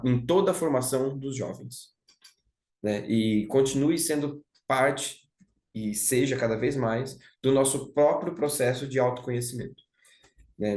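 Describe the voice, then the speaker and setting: A man's voice: medium pitch, darkish tone. A young man with a Brazilian Portuguese accent giving a thoughtful spoken talk on music, often adding "né?" and restarting phrases. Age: young adult. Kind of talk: reflective spoken lecture. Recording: roomy echo.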